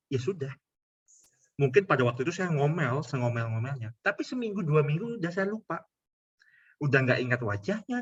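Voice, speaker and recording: Husky, lively-voiced priest preaching. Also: male voice, sits high, highs cut off. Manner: conversational, anecdotal and humorous, often addressing listeners directly. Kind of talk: homily to a congregation.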